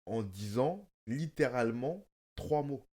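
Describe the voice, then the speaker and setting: A man's voice: medium pitch, lively intonation, takes it slowly, dark tone, breathy edge. Man with a lisp, talking emphatically. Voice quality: lisp, slushy s sounds. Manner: emphatic, repetitive, often checking the listener follows. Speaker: stage actor, guest. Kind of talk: casual interview conversation.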